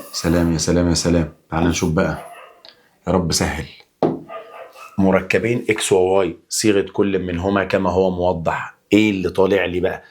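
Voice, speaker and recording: A husky young man with an Egyptian accent rattles through a chemistry review at speed. He keeps his pitch low and coaxes the class along. He also answers his own questions in the students' voice. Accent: Egyptian Arabic. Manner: chatty, plays both teacher and student, coaxing. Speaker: chemistry teacher. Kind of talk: energetic exam-review lesson.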